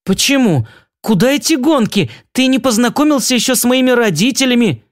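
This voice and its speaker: Мужчина читает за рассудительную героиню аудиокниги. Её речь неторопливая и нерешительная, голос чуть выше привычного. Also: male voice, extremely high pitch, expressive, voice pushed up. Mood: hesitant. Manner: hesitant, measured. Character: cautious young woman, sensible and stern.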